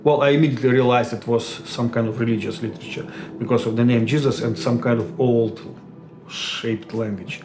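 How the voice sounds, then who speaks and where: A man, a missionary telling his story in an interview in a measured, reflective way. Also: medium pitch, fairly even intonation. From Ukraine. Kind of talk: personal testimony interview. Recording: roomy echo with music underneath.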